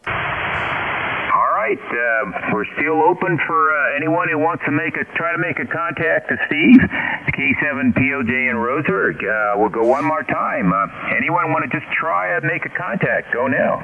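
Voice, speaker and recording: A man's voice: a little high, expressive, normal speed. A man hosting as net control, moderating casually and hesitantly over a crackly, military-style two-way radio. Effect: two-way radio transmission. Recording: distant, hissy narrowband radio link.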